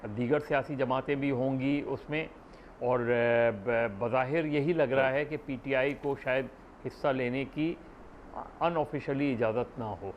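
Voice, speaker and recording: A man giving deliberate, hedged political analysis as a talk show guest, thinking aloud as he speaks. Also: medium pitch, dull audio, slight background noise.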